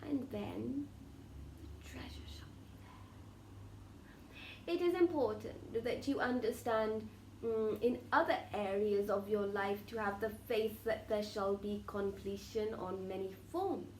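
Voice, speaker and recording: A woman speaking as a trance channelling medium, delivering spiritual messages in a solemn, oracular way with formal phrasing and deliberate pauses. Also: mid-range voice, a little mellow. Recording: roomy echo with faint background noise.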